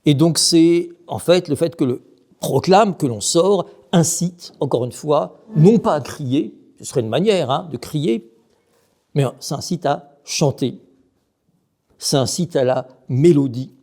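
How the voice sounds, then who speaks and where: A middle-aged monk with a warm voice on the high side talks a little slowly, with lively intonation. In an emphatic explanatory talk on Byzantine chant, he chants short examples and puts questions to those listening.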